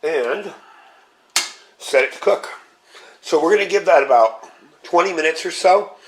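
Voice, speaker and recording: The voice is a man's, on the high side and measured in pace, with a slight scratchiness left over from a cold. As host of a casual cooking vlog, he calmly explains one step at a time while handling his gear.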